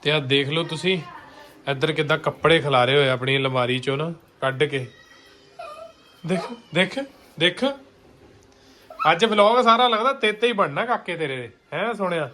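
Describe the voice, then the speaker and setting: A man's voice: a little high, normal speed, long pauses, sharp tone, slight background noise. A man with a Punjabi accent and a cold, chatting casually as a family vlogger in a teasing, questioning manner. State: has a cold. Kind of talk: casual chat to camera and to a child.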